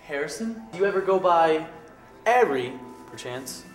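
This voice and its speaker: A man's voice: a little high, animated, normal speed, close to an everyday voice. A man playing an awkward young wizard-fan club member, putting on a wobbly fake British accent and talking hesitantly with lots of fillers. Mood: eager. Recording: echoey room, mic far off. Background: background music.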